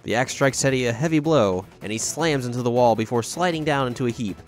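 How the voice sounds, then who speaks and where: A man hosting a game playthrough, reading the story text aloud in a plain, steady way. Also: mid-range voice, fast, faint music behind. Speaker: let's-play host.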